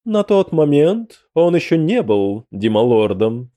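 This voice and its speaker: A man's voice: fairly high pitch, big pitch swings, a little slow, mellow, voice pushed up. A man voicing a stern, dispassionate demon lord who speaks formally about the law. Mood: impassive. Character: impassive male demon lord, stern lawkeeper.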